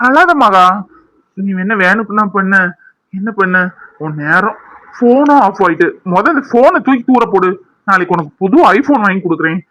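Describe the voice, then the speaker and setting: A man plays a doting young cartoon husband, earnest and reassuring, in a high, bright voice. Close, dry sound. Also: dry recording. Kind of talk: cartoon voice acting.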